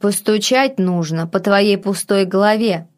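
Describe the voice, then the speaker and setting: A woman's voice: mid-range voice, a little slow, natural voice. A woman voicing a cocky, sarcastic man who teases and scolds. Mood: mocking. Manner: sardonic, teasing. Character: mocking, cocky young man, sharp-tongued.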